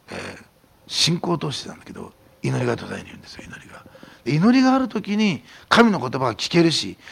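A man preaching a sermon as a pastor, telling stories in an animated way and sometimes dropping to a whisper. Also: mid-range voice, creaky, slightly rough. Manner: animated storytelling, drops to a whisper at times.

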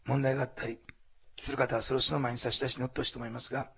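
Husky, animated Japanese pastor preaching. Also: male voice, medium pitch, racing. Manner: animated, acts out quotes, drops to whispers. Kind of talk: sermon with closing prayer. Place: church hall before a congregation.

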